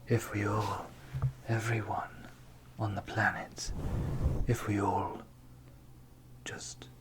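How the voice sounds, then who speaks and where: A man with a voice on the low side makes ASMR content, whispering close to a microphone covered by a fluffy windshield. He rambles softly and adds playful, self-mocking remarks as he records himself on his phone.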